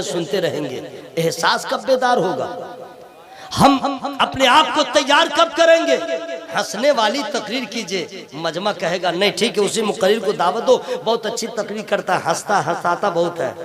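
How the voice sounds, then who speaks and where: A preacher from Kolkata giving a sermon to a gathering. He builds rhythmic repeated phrases up to shouted climaxes, then drops into chatty, joking asides. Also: sits high. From Kolkata, India. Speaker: Islamic preacher. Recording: crowd audible at a live gathering.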